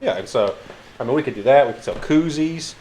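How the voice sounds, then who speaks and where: A man's voice: medium pitch, expressive, fairly quick, darkish tone, a little hiss or hum. A tipsy man co-hosting a let's play, rambling in a laid-back way with dry jokes. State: tipsy from drinking. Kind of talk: casual gaming chat.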